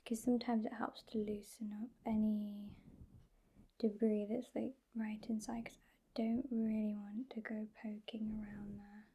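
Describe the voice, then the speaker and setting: A woman whispering gently and breathily, close to the ear, in a reassuring whispered role-play as an ear clinician. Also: medium pitch, level tone, normal speed. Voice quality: breathy, mostly unvoiced whisper. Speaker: ASMR performer playing a medical examiner. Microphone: close ear-to-ear ASMR microphone.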